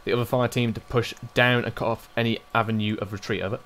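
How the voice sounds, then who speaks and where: Man, fast-talking, clipped radio orders, platoon commander. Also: medium pitch, steady tone, fairly bright tone, a little hiss or hum. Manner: clipped, brisk radio calls. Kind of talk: military radio procedure in a game.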